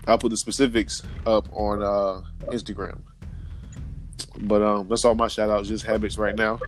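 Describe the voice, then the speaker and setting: A man's voice: lowish voice, flat delivery, normal speed. A man co-hosting a casual podcast, sounding stuffy and congested from a cold, talking loosely with slang and fillers. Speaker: podcast co-host.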